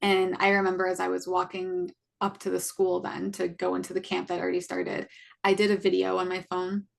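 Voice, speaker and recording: A woman's voice: lowish voice, completely flat delivery, brisk, creaky. A woman in her twenties, a podcast co-host, earnestly telling a personal story in a casual way, full of fillers. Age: 20s.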